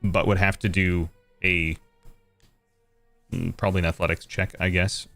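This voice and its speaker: A man running a tabletop game as game master, talking in a relaxed, laughing way with many fillers. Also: sits low, normal speed, gravelly, no echo, soft background music. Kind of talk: narrating a tabletop game over voice chat.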